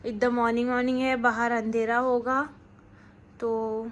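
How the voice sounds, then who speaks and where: A woman's voice: fairly high pitch, flat delivery, measured pace. A young woman on flight crew, chatting casually to her phone camera in a hotel room, mixing English words into her Hindi. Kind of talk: casual vlog chat to camera.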